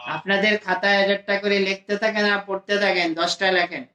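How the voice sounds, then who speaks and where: A man teaching adults to read the Quran, drawing out each letter slowly for his students to repeat. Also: high-pitched, little pitch movement, sharp tone, reverberant, low-quality recording. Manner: slow, drawn-out letter drills for students to repeat. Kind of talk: adult Quran reading lesson.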